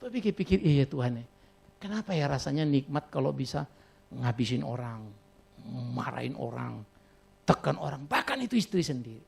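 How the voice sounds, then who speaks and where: A man's voice: mid-range voice, sing-song, normal speed, vocal fry, husky. A middle-aged man with a Batak accent preaching a sermon, telling stories and teasing his congregation. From Indonesia. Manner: storytelling, teasing the congregation, breaks into laughter. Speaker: pastor.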